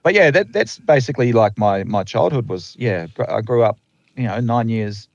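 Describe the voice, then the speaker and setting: This is a Dutch-born lineman with a faint New Zealand accent, appearing as a podcast guest in a casual interview. He speaks at a normal speed in a mid-range voice with lively intonation, rambling and restarting with many fillers. The audio is slightly lo-fi, with no echo.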